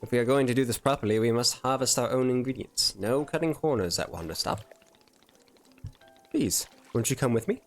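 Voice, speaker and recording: A man's voice: medium pitch, brisk, soft background music, natural voice. A man voicing a posh, polite male tea shop keeper, reading game dialogue aloud with formal phrasing.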